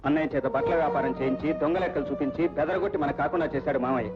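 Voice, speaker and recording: An actor playing an earnest, defiant young son. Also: male voice, a little high, rapid-fire, lightly acted. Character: earnest young son refusing arranged marriage. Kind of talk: 1980s Telugu film acting. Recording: lo-fi film soundtrack with music.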